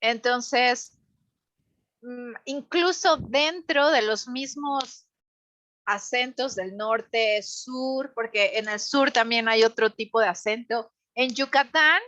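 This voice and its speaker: A woman's voice: on the high side, slow pace, pushed and bright, no echo, dull audio. A woman with a central Mexican Spanish accent, chatting as a guest and explaining things carefully with examples. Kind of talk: casual chat.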